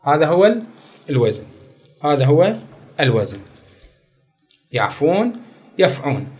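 A man's voice: fairly high pitch, big pitch swings, a little slow, faint music behind. A man teaching an Arabic grammar lesson, repeating key words and quizzing his class with questions. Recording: dull lo-fi recording.

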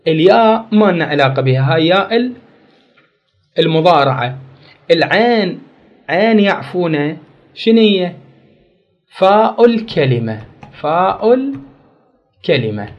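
A man's voice: sits high, expressive, moderate pace, long pauses. A man teaching an Arabic grammar lesson, repeating key words and quizzing his class with questions. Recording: dull lo-fi recording.

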